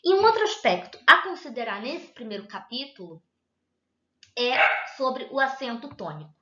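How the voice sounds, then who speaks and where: A woman's voice: on the high side, sing-song, moderate pace, a bit bright. A woman with a Brazilian Portuguese accent teaching a grammar lesson, patient and often checking that listeners follow. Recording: echoey room, dull lo-fi sound.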